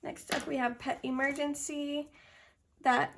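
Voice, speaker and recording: A woman's voice: high voice, flat delivery, measured pace, background noise. A young woman, slightly out of breath, narrating a task casually and counting amounts aloud step by step. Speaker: budgeting video host.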